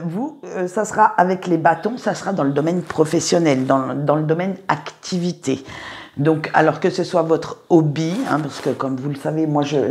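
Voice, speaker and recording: Lowish-voiced woman giving a chatty tarot reading. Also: a little mellow. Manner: hesitant, many fillers and restarts; chatty, addresses viewers directly. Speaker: tarot reader. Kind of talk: casual tarot reading to camera.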